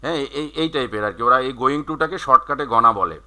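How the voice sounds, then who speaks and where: A man with a Bangladeshi accent, a native Bengali speaker, teaching an online English class over a video call. He explains slowly, mixes English into his talk, and hesitates often. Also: medium pitch, sharp tone.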